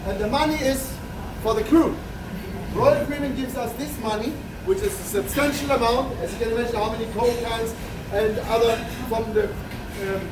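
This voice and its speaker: A male tour guide with a very high, loud, projecting voice chats and jokes as he leads a group through a large ship's kitchen indoors. A camera far off in the crowd captured him, so the galley sounds echoey, with loud background noise.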